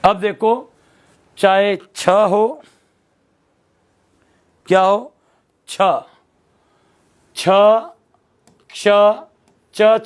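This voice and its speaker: Male exam tutor with a Rajasthani Hindi accent, high-pitched and unhurried, quizzes the class and answers his own questions. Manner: asks questions and answers them himself, repeats words slowly. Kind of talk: classroom lesson, quizzing the viewer.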